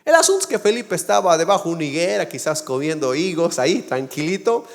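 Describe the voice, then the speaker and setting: Guy preaching a sermon in church, kinda high voice, big echo, storytelling, loud then low. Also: very animated. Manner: storytelling preacher, swings between loud emphatic lines and low drawn-out words. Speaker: guest pastor. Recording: church hall with long reverb.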